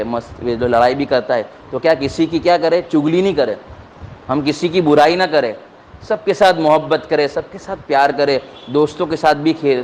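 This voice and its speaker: A man's voice: fairly high pitch, slight background noise. A male religious teacher giving a simple moral talk to students, asking questions and answering them himself. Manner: plain conversational speech with many fillers.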